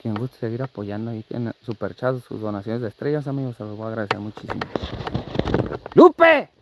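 A man's voice: lowish voice, fairly even intonation, fast. A Mexican man live-streaming a vlog in casual chat, teasing and swearing freely. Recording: noisy live-stream audio.

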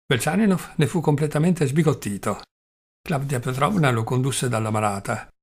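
A man narrating a novel as an audiobook reader, in a steady, measured way. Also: mid-range voice, husky.

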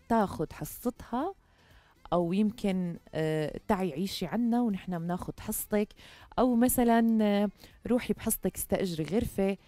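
A woman's voice: medium pitch, mellow, dry recording. A young woman with a Jordanian accent hosts a talk show, speaking conversationally in an earnest, emphatic way. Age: young adult. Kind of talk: conversational studio monologue. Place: TV studio, indoors. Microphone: headset.

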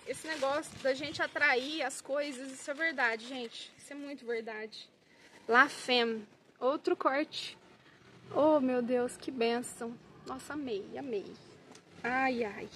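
A woman's voice: high-pitched, a bit bright, slight background noise. A woman with a Brazilian Portuguese accent, unboxing plants for her vlog in an effusive, exclaiming way, often turning to her viewers. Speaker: plant vlogger.

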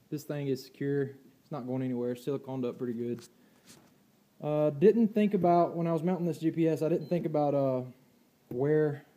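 Recorded on a handheld phone indoors, in what seems a garage or storage room, a man with a mellow, slightly high voice casually walks through his kayak equipment. His talk is plainspoken and rambling, with fillers and restarts.

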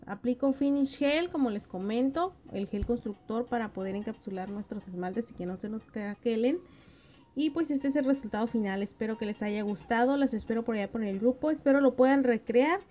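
A woman narrating a nail art tutorial, explaining each step gently and plainly, with little hesitations and soft diminutive words. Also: a little high, fairly quick. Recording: dull lo-fi voice-over with faint music.

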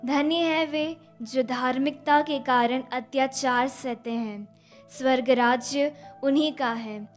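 Slow, high-voiced young woman reading scripture. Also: faint music behind. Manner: even, deliberate recitation of scripture and psalm. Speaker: scripture reader at Mass. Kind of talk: slow, measured liturgical reading. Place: indoor studio chapel. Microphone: stand mic at a lectern.

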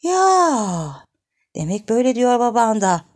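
A woman voicing a hard-of-hearing eighty-year-old great-grandmother who scolds and grumbles in a high, strained voice. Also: big pitch swings, unhurried. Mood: angry scolding.

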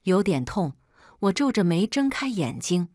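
A woman narrating a first-person story aloud, expressive and biting in the heroine's lines. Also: medium pitch, a little slow, no echo, studio quality.

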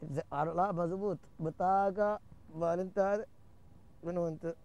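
A man's voice: sits high, fairly even intonation, moderate pace, a little mellow, dull audio. A man playing a shop clerk, talking in broken pidgin Arabic with chuckles.

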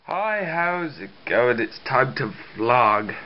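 Over loud music, a young man with a cold-stuffed nose records his daily vlog on a handheld camera held at arm's length, laughing a lot as he chats. His medium-pitched voice swings widely in pitch at a slow pace, moving from his bedroom to a busy cafe, in slightly dull lo-fi audio with a crowd around.

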